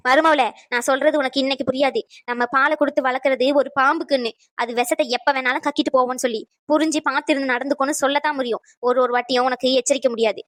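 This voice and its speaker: A woman's voice: high voice, fairly even intonation, fast talker, hardly any pauses, a bit bright, dry recording, studio quality. A woman voicing a stern, domineering older mother-in-law in a cartoon, scolding and lecturing. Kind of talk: cartoon voice acting.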